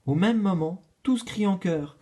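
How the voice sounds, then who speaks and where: A woman's voice: medium pitch, measured pace, dark tone. Woman reading a children's story aloud.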